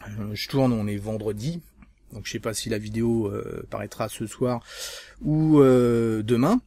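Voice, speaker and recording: A man's voice: fairly low pitch, a little slow, warm tone, dry recording. A man from France hosting a casual video blog, speaking hesitantly with many fillers and restarts. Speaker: vape channel host.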